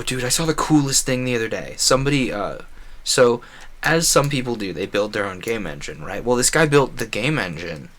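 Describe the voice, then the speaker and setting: Streaming a video game, a man offers casual commentary that rambles conversationally and keeps drifting into asides. His voice is medium in pitch and a bit bright.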